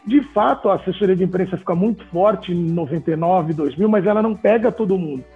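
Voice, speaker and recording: A man, a sports journalist telling animated, laughing anecdotes in an interview. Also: high voice, fast talker, husky. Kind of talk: casual storytelling in an interview. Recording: tinny phone-like audio with faint music.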